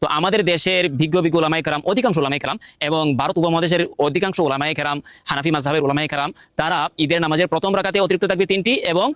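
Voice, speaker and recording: A man teaching how to pray, explaining quickly and then chanting the prayer slowly. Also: fairly high pitch, a bit bright, no room sound, clean studio sound. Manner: rapid explanatory delivery, slow drawn-out chanting when reciting. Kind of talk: instructional talk, then chanted Arabic recitation.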